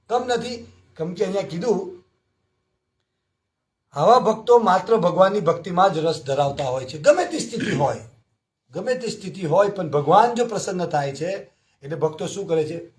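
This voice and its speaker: Man giving a lively scripture talk. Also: a little high. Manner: storytelling with frequent rhetorical questions to the audience. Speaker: devotional class speaker. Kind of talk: scripture class sermon.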